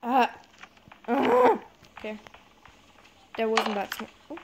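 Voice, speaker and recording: A jumpy, foul-mouthed woman narrates her horror game run out loud, laughing and cursing at every scare. Her voice sits a little high, and the recording carries a steady hiss of noise behind her. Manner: swears a lot, talks to her chat, jumpy and quick to laugh. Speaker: gamer streaming a horror game. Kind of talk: casual gameplay commentary.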